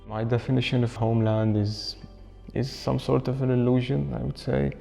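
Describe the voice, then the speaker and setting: A man in his early twenties, a student raised in Syria, gives a reflective documentary interview, pausing to find his words. He speaks at normal speed in a medium-pitched, level, mellow voice with vocal fry. The recording has a reverberant space and faint music.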